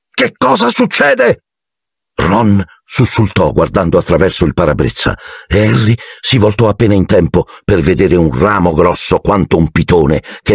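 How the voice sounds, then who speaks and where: A man narrating an audiobook with measured, dramatic storytelling. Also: sits low, husky, dry recording, clean studio sound.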